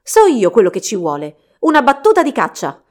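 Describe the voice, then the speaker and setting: A woman's voice: fairly high pitch, wildly swooping pitch, brisk, darkish tone. A woman voicing the prince's cheerful, loyal young friend in a storybook reading, hearty and upbeat.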